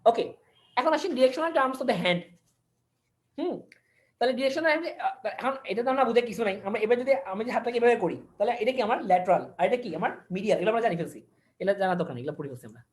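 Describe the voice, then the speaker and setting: Animated, fast-talking woman lecturer. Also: fairly high pitch. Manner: mixes English terms into speech, repeats key words, quizzes listeners. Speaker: anatomy lecturer. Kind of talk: online anatomy class.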